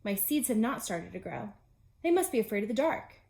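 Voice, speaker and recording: A woman's voice: medium pitch, big pitch swings, fairly quick, vocal fry, a little mellow. A woman voicing an anxious, eager male toad in a children's storybook, emphatic and childlike. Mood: worried. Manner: exclamatory, emphatic.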